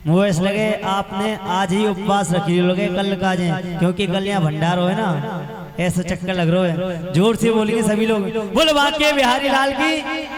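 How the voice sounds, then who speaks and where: A man with a Haryanvi accent hosting a temple gathering, teasing the audience and leading call-and-response chants. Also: sits high. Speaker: stage host leading chants. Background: loud devotional music.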